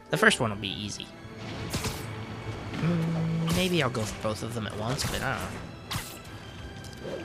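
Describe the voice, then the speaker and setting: Profane casual man over game music. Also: mid-range voice. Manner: profane, offhand, chatty. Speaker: let's play host. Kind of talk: casual gameplay commentary.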